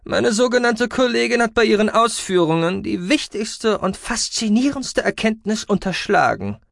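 Brief: a man plays a pompous creaky-voiced alien physician, high and showy; audiobook. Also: very animated, moderate pace, a bit bright, no room sound, studio quality, full character voice. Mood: boastful. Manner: boastful lecturing. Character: eager, pompous alien male doctor.

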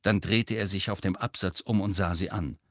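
A man narrating an audiobook in a steady, even reading voice. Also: low voice, moderate pace, dry recording, studio quality. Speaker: audiobook reader. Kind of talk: scripted narration.

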